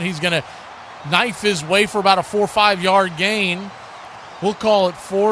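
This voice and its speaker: Hosting a play-by-play stream, an American man calls a football game live in clipped, present-tense bursts. His high-pitched voice sounds pushed and bright, with clear ambient noise behind it.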